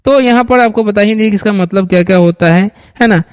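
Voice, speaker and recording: A man, teaching English reading, slowly reading words aloud for students to repeat. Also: high-pitched, clean tone. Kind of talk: Hindi-medium reading lesson. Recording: long hall reverb.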